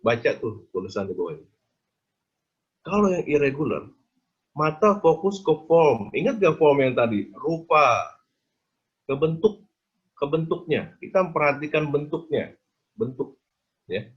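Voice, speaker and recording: A man's voice: fairly high pitch, very animated, measured pace, long pauses, lo-fi sound. A man giving an interactive design lecture on a video call, quizzing his audience with casual tag questions.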